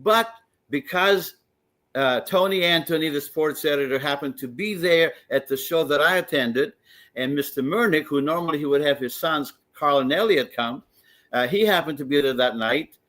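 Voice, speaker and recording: At a normal speed and in a slightly high, fairly bright voice, an older Greek man who is a wrestling commissioner talks eagerly on a sports talk show. The setting is a casual radio interview, and he keeps restarting his stories.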